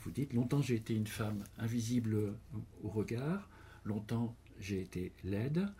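A man interviewing an author, asking measured questions and reading passages aloud. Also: lowish voice, mellow, slight background noise.

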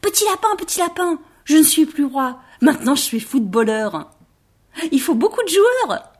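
A woman voicing a small, eager male rabbit who wants to be king, with a squeaky, excited voice. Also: normal speed, husky, heavily acted.

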